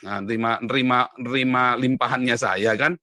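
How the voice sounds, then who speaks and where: Male interview guest, emphatic storyteller, bright tone, dry close sound. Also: mid-range voice, steady tone, normal speed, no echo. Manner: emphatic storytelling, voice rising sharply when stirred. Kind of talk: conversational interview.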